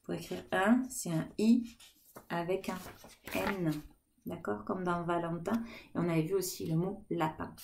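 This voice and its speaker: A woman teaching a remote lesson to kindergarten children, gently encouraging and counting aloud with them. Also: on the low side, steady tone, measured pace, gravelly, a little hiss or hum.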